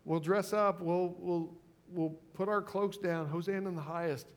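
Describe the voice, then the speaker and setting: A male pastor preaching a sermon in a conversational way, often restarting his sentences and acting out the quoted voices. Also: moderate pace. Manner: acts out quoted voices with lively pitch swings.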